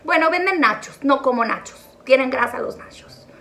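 A woman's voice: sits high, lively intonation, normal speed, sharp tone. A middle-aged woman, rambling chattily with self-mocking asides, recorded on a phone. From northwest Mexico. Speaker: vlogger. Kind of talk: chatty monologue.

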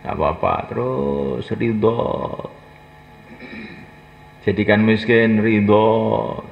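Gravelly preacher in an echoey hall. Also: male voice, deep voice. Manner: folksy, humorous, voices imagined dialogue, calls listeners to stand. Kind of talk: sermon. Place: mosque gathering. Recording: echoey hall, lo-fi, faint noise.

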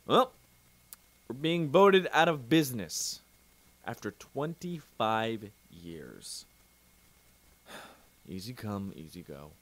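An actor playing an excitable, kindly, easygoing uncle in his fifties in a radio drama. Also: mid-range voice, takes it slowly, long pauses. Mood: resigned. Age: 50s.

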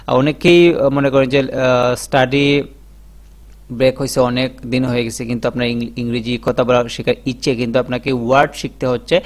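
A man's voice: medium pitch, steady tone, moderate pace. A man teaching an online English lesson, breaking long words into syllables and sounding them out. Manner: spells words out syllable by syllable, mixing in English phrases. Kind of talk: spoken language lesson.

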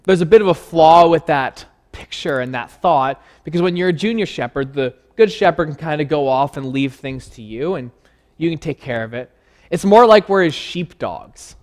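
Male preacher in a church, fairly high voice, earnest and conversational sermon delivery. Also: animated, moderate pace.

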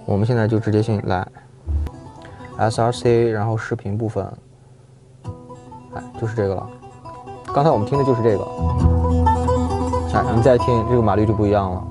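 A man chatting casually as a car reviewer inside a car, quick and full of fillers. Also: lowish voice, fairly even intonation. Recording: music playing in the background.

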